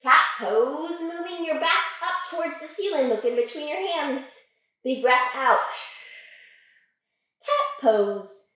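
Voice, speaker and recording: A woman's voice: high-pitched, animated, takes it slowly, sharp tone. A woman leading a children's yoga class in a playful, sing-song way, cueing poses and making animal sounds. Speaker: kids' yoga teacher. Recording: echoey room, voice from a distance.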